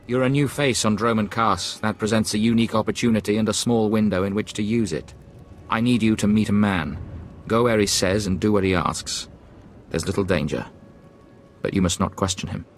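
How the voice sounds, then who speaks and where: A man playing a low-voiced secret agent. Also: slight background noise, natural voice. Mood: discreet. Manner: brisk, discreet, businesslike. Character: calm, secretive male intelligence agent.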